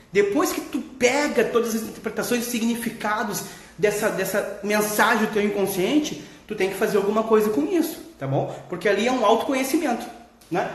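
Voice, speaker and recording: A man with a Gaúcho Brazilian accent, a therapist talking candidly in a casual vlog, swearing freely and laughing as he talks. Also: extremely high pitch. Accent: Gaúcho Brazilian Portuguese. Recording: echoey room.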